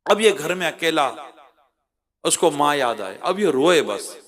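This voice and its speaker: A man delivering an emotional sermon, telling a story with dramatic swings between loud cries and hushed lament, repeating words for emphasis. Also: a little high, very animated, a little slow. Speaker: preacher.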